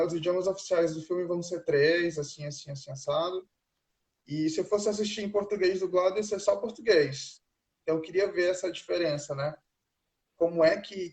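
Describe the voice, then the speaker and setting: A man hosting a relaxed interview, asking long rambling questions with fillers. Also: on the high side. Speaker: host. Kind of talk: casual interview.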